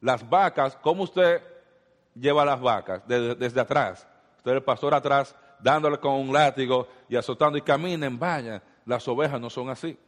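A man's voice: medium pitch, moderate pace. Male pastor preaching, lots of questions to the crowd, voice rings out in a big echoey hall. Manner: preaching with rhetorical questions and repetition. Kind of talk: sermon. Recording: long hall reverb.

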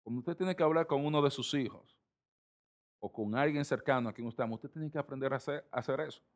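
A man's voice: mid-range voice, fast talker. Emphatic preacher, a man. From Dominican Republic. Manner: emphatic preaching, swings from loud to soft. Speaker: pastor. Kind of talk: sermon.

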